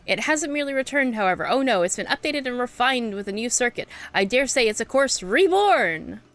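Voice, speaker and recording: A woman's voice: fairly high pitch, animated, brisk, fairly bright tone. A woman voicing a boastful male showman from a video game, reading his announcements aloud theatrically. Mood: showy.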